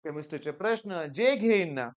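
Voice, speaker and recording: A tired Marathi-accented teacher in his forties talks earnestly and reassuringly to his students, his voice weaker than usual. His tone is smooth and resonant, and the recording sounds slightly dull and lo-fi. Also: sits high, lively intonation, brisk. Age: 40s. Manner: earnest, reassuring, repeats "okay?" often. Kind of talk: motivational talk to students.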